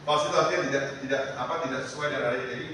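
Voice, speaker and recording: A man's voice: mid-range voice, steady tone, very fast. Chatty male singing teacher in echoey hall. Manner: chatty, asks the class many questions. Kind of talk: casual classroom lesson. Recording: echoey hall, mic far off, noisy.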